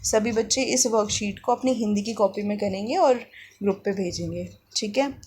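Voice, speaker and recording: A woman's voice: medium pitch, a little mellow, a little hiss or hum. Woman teacher sounding out words. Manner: slow, syllable-by-syllable reading of words for young pupils; asks the class questions and answers them herself. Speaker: primary school teacher. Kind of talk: worksheet lesson for children.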